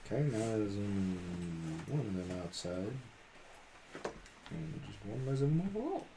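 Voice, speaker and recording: A man's voice: on the low side, very animated, a little slow. A man acting as game master of a tabletop role-playing game, narrating off the cuff and often searching for words. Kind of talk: improvised game master narration in casual talk. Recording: clear background noise.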